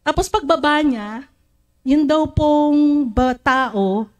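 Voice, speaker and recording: Lively woman preaching. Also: sits high, slow pace. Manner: animated storytelling, acting out quoted voices. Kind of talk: sermon. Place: church.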